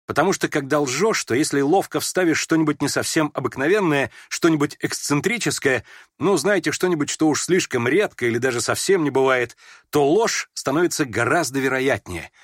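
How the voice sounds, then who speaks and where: A man's voice: a little high, expressive, brisk, no echo, clean studio sound, pitched above the performer's own voice. A man reading an audiobook, voicing a proud, impulsive young woman who flares up and then turns shy. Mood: confiding. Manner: sharp, flustered, switching between scorn and shyness.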